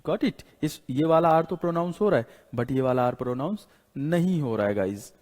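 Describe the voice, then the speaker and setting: A male teacher giving a classroom lecture. He explains slowly, repeats his points and keeps asking "got it?", mixing English words into Hindi. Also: a little high, lively intonation, darkish tone. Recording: long hall reverb.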